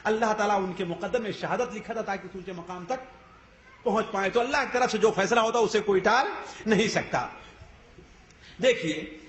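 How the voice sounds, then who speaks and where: Male preacher, very high voice, lecture style, asks and answers his own questions; roomy echo. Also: a bit bright. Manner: poses rhetorical questions and answers them himself. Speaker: Islamic preacher. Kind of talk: religious lecture. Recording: echoey room.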